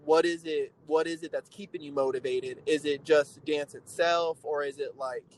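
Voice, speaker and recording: An excited man hosts a casual chat, piling on slang and filler phrases as he talks. His voice sits a little high for a man. A faint background hiss sits under the whole recording. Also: normal speed, rough recording. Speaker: interviewer, host.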